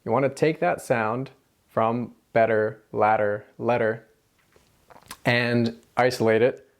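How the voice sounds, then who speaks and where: Male language tutor, American accent, mid-pitched, casual instructional delivery with rolled R drills. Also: steady tone, measured pace. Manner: demonstrates rolled and tapped R sounds, repeating example syllables and words. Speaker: language teacher.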